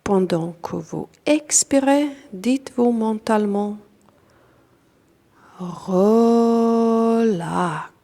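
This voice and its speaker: A woman instructor, not a native French speaker, leads a guided yoga nidra meditation in that language. Her pitch is on the high side; her delivery is calm and deliberate, built from short phrases and long pauses.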